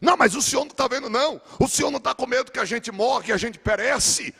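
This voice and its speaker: A frightened fisherman, as a preacher acts him out shouts his alarm fast and high. The voice has a raspy, gravelly grain and climbs sharply. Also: long reverb tail, exaggerated voice. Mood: panicked. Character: panicked fisherman Pedro, adult man, frightened.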